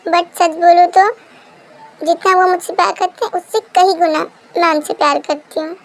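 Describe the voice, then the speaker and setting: A woman's voice: very high-pitched, fairly even intonation, moderate pace. A woman voicing a lovestruck young student. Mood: confessing. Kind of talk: Hindi fan-fiction read-aloud.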